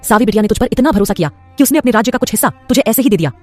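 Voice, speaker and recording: A woman voicing a loyal, hot-tempered old male family retainer who scolds and shouts in an audio story. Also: a little high, expressive, very fast, no room sound, soft background music. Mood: furious.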